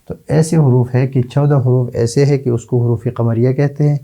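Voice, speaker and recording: Slow-drilling male Arabic teacher. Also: medium pitch, fairly even intonation, mellow, poor audio. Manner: slow, drawn-out repetition of example words; asks then answers his own questions. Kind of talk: classroom lesson.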